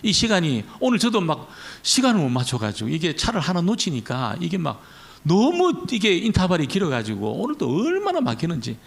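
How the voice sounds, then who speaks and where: Gravelly, lively-voiced male pastor preaching. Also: a little high, brisk. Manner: conversational preaching, repeats key words. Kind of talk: Friday prayer meeting sermon. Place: church.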